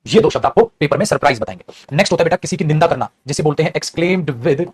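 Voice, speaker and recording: Rapid, husky man teaching a grammar class. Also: on the high side, lively intonation. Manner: addresses students as beta, repeats and drills, switches between languages. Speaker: English teacher.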